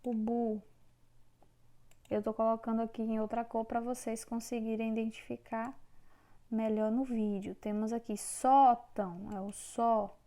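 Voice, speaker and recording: Slow, mellow woman teacher. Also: fairly high pitch, level tone. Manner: slow, clear syllable-by-syllable dictation. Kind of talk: online Portuguese grammar lesson.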